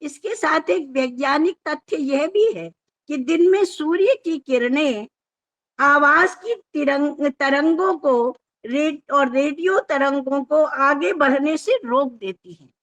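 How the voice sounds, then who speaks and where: This is a woman whose voice sits high and carries a bit of brightness. She gives a measured, formal talk on scripture, explaining each step and occasionally restarting a word.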